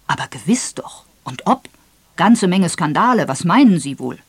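Brief: Vorleser als älterer Major, galant, geschwätzig, selbstgefällig; ruhige, nicht lebhafte Stimmführung, trockener Klang. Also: male voice, high-pitched, very animated, normal speed, husky, no echo, full character voice. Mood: confiding. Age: older. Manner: self-satisfied, gossipy, confiding. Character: Major Palgrave, older man, boastful and gallant. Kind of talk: audiobook character voice.

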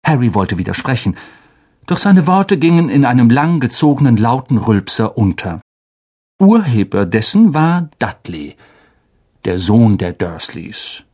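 Husky, lively male storyteller. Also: mid-range voice, measured pace. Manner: expressive storytelling reading. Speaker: audiobook narrator. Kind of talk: scripted narration.

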